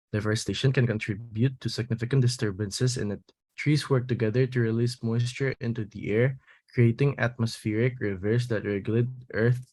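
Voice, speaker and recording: A young man, a native Indonesian speaker, reading his part of a class presentation from slides in English, steady with small restarts. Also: mid-range voice. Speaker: student presenter.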